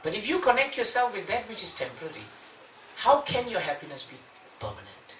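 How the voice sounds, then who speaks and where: A man's voice: high-pitched, fairly quick. A man giving an evening scripture class in a home, telling a humorous story and acting out its voices. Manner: lively storyteller, acts out voices in the tale. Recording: roomy, distant mic, faint noise.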